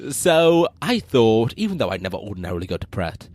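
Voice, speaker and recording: A man's voice: lowish voice, a little fast, no room sound. Laughing man telling a story. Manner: animated, laughs often, acts out dialogue in voices. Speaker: podcast co-host. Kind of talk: casual comedic storytelling.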